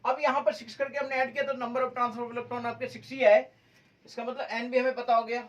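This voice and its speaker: A man's voice: extremely high pitch, flat delivery, a little fast, far from the mic, rough recording. A male chemistry teacher lecturing at a board, mixing Hindi with English terms and calling his students "beta". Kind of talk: whiteboard lecture. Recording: voice from away from the mic.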